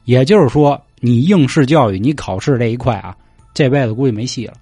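A man doing a gruff underworld judge, low and swearing. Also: brisk, dark tone, dry recording, faint music behind, natural voice. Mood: jovial. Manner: blunt, swears, brotherly banter. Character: gruff hard-drinking male underworld judge, loyal.

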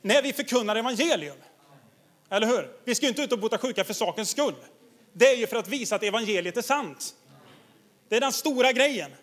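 Man, very high voice, enthusiastic preacher, exhorting, laughs often, sermon. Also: expressive, a bit bright. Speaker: pastor.

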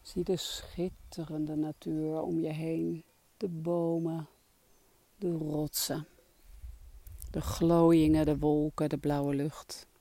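A soft-spoken meditation guide leading a relaxation exercise in a calming, breathy voice that trails into whispers. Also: mid-range voice, takes it slowly, no room sound.

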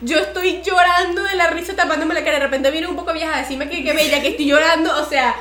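A woman co-hosting a casual podcast, telling stories in an animated way and acting out other people's voices. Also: very high-pitched, fast talker, roomy sound. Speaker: podcast co-host.

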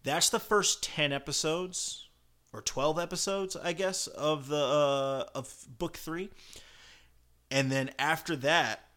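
A man hosting a podcast alone with casual commentary, talking in a halting way as he thinks aloud. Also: fairly high pitch, bright, forceful tone. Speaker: podcast host.

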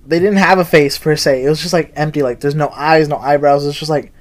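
A man's voice: a little high, fairly quick. A young man co-hosting a podcast, telling a rambling story with lots of swearing and acted-out quotes. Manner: animated, swears a lot, acts out quotes. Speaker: podcast co-host. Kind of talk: casual chat, rambling storytelling.

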